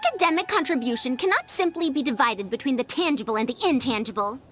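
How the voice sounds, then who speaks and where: A woman's voice: high voice, animated, quick pace. An actress voicing a prim, fussy female elder scholar who talks in a lofty, scolding way, in game audio. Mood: indignant. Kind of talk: game voice acting. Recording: game audio with faint music.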